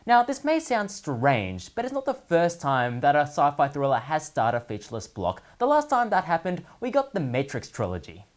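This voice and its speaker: A male host of a gaming news segment delivers scripted comedic commentary in a very animated voice, his pitch rising and falling widely through each sentence. He's sardonic throughout, building up and landing punchlines with mock seriousness. He talks at normal speed with hardly any pauses.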